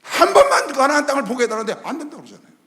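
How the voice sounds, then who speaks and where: Animated Korean pastor preaching in an arena. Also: male voice, rapid-fire. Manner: animated preaching, acting out God and Moses in lower voices. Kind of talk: sermon. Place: large indoor arena hall. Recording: long reverb of a large arena hall.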